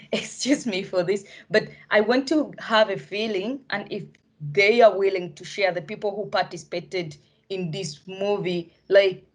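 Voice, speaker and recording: A woman with an African accent giving a spontaneous, earnest spoken reflection in halting phrases, often repeating words. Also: medium pitch, steady tone. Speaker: participant in an online arts event discussion.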